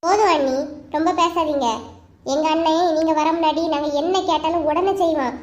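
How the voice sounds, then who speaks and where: A woman's voice: very high-pitched, steady tone, moderate pace, darkish tone, echoey room, muffled recording. A woman with a Kanyakumari accent voicing a defiant younger sister who is in college, in a cartoon. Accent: Kanyakumari Tamil. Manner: defiant, accusing.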